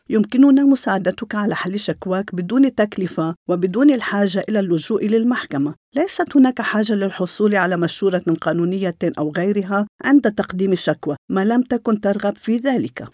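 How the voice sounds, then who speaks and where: A woman reading a scripted public information narration in a formal, measured manner. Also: medium pitch, warm tone, dry recording, studio quality.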